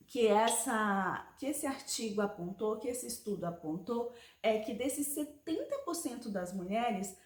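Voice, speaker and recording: Fortyish woman vlogging about her health, chatty and explaining stuff, kinda high voice, roomy echo. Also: darkish tone. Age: 40s. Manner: conversational, explanatory, with frequent tag questions. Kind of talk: personal health vlog. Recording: echoey room.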